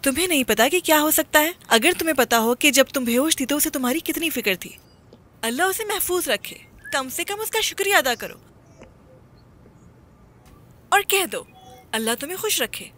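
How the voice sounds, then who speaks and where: A woman's voice: high voice, expressive, a little fast, a bit bright. A woman dubbing a film role, a caring young female friend who talks in a coaxing, persuasive way. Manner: coaxing, pleading. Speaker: dub actress.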